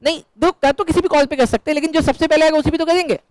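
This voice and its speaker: A man's voice: very high voice, racing. A man. He keeps quizzing his students and slips in jokes. The sound is dry and close, with almost no room echo. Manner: joking, quizzing students, mixing English terms. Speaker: accounts teacher. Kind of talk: classroom lecture. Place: classroom.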